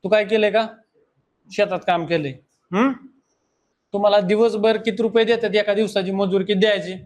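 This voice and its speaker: A man teaching a class lectures his students bluntly, talking straight at them in a scolding way. His voice is high with fairly even intonation, and he speaks fairly quickly in this mix of lecture and pep talk.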